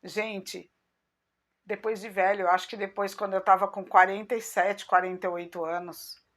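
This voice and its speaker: A middle-aged woman with a Brazilian accent telling personal stories to her followers in an unhurried, chatty way. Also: medium pitch, flat delivery, fairly bright tone. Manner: unhurried, chatty, acts out remembered dialogue. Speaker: vlogger.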